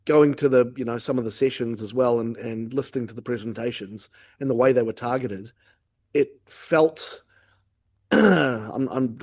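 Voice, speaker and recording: A man's voice: medium pitch, a little mellow. A man with a New Zealand accent, talking candidly and reflectively as a guest in a casual podcast discussion.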